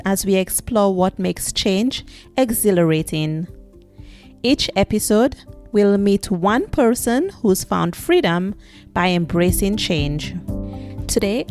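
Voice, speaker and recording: A woman hosting a podcast, introducing her guest and asking questions in a measured, clear manner. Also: medium pitch, a little mellow. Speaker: podcast host.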